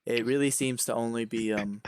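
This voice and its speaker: A man runs a tabletop game for his friends, narrating in an easygoing, unpolished way. His pitch sits in the middle and he fills his pauses with ums and uhs. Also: heavy background noise. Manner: relaxed, loose narration full of ums. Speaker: game master.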